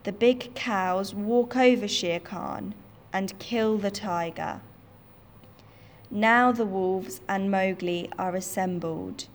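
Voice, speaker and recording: A woman narrating a simple storybook for learners in short, clear sentences. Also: mid-range voice, takes it slowly, a little hiss or hum.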